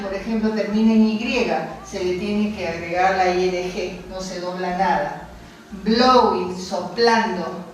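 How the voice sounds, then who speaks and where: Slow-speaking woman teacher in an echoey room. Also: medium pitch. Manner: slow, drills Spanish-English examples, asks "¿ok?". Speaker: English teacher. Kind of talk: recorded grammar lesson. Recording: very echoey room, distant mic, faint noise.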